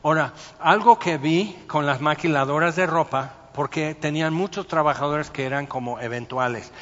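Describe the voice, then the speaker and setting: A man, a pastor preaching a sermon and telling stories with lively, acted-out voices. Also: fairly high pitch, normal speed. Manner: animated storytelling, acting out voices. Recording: muffled sound with long hall reverb.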